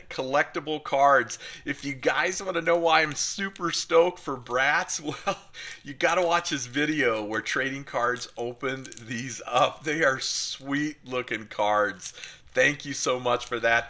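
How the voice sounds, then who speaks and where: With a bright, forceful, medium-pitched voice, a middle-aged man from the US hosts his card collecting channel, opening collector mail in a casual, enthusiastic chat. His talk is full of fillers.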